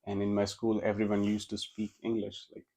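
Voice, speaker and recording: With a low, mellow voice delivered in a monotone at a slightly fast clip, this young Indian man tells his story on a podcast. He is a Gujarati speaker with an Indian accent, and in this casual interview he keeps restarting sentences.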